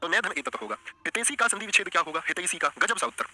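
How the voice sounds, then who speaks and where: A man's voice: high-pitched, big pitch swings, rapid-fire, bright, forceful tone. A man teaching an online exam-prep lesson, coaxing the class and repeating his questions.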